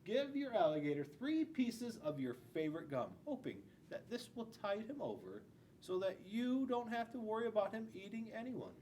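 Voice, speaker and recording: Reading a children's picture book aloud in a school classroom, an American school resource police officer in his forties uses a high, very expressive voice at a moderate pace. He is animated and dramatic and asks the kids questions, recorded by a camera a few feet away amid noticeable room noise and a low rumble.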